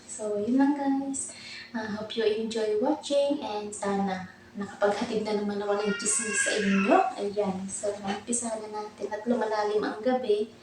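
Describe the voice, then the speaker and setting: A woman's voice: medium pitch, little pitch movement, normal speed, noisy background. A woman vlogging in casual chat, rambling and laughing at herself, a little out of breath. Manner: chatty, rambling, self-laughing. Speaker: vlogger, overseas domestic worker. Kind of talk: casual chatty vlog. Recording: echoey room, mic at a distance.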